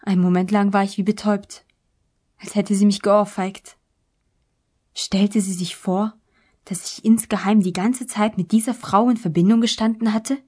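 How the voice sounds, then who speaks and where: Calm woman reading a literary novel. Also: mid-range voice, moderate pace. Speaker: audiobook narrator.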